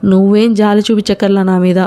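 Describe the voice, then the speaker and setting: A woman voicing a sharp-tongued young college woman who is sarcastic and quick-tempered. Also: mid-range voice, little pitch movement, lightly acted.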